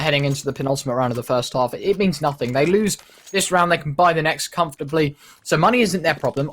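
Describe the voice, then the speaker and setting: A man's voice: fairly high pitch, fairly bright tone. A man doing esports caster play-by-play commentary with dramatic, emphatic phrasing. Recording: background noise, game gunfire and clicks.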